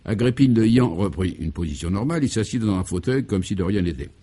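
A man reading scripted comic narration for a radio serial, in a dry, measured storytelling manner. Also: on the low side, lively intonation, warm tone, husky.

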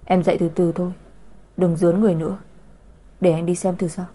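A woman voicing a tender, devoted young husband in a storybook reading, speaking softly. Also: lowish voice, flat delivery, fairly quick, close to an everyday voice. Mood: caring. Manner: soft, doting.

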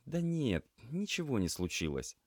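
A grumpy, sulky young woman activist, as a male narrator puts her on. Pitch raised above his own, but flat in force and grumbling. Dry, close recording. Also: unhurried, no echo.

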